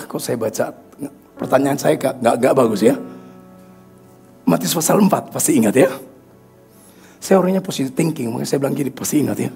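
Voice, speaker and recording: A man pastor preaching a sermon to his congregation in a church, with an Indonesian accent, joking with them and rising suddenly to loud peaks. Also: on the high side, creaky. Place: church hall.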